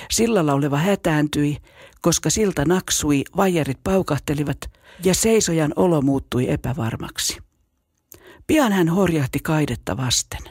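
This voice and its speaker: A storyteller reading a children's story aloud in a steady, measured way. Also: medium pitch, husky, no room sound, clean studio sound. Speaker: narrator.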